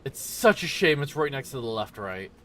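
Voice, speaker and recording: A man's voice: medium pitch, very animated, moderate pace, a bit bright, a little hiss or hum. A tired man casually commenting on a driving game as he plays, rambling and yawning with lots of fillers. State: sleepy. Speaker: streamer.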